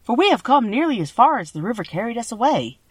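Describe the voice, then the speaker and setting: A woman's voice: fairly high pitch, sing-song, fast talker, husky, no echo, pitched above the performer's own voice. A woman voicing a simple, helpful male scarecrow, friendly and eager, in a storybook reading. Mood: matter-of-fact. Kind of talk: children's storybook character voice.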